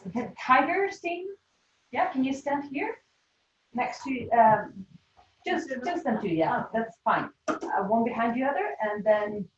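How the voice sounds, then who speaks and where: A woman leading teachers through a classroom game, giving quick, instructive directions and laughing often. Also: a little high. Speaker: teacher trainer. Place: classroom or training room. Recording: roomy, distant, dull classroom sound.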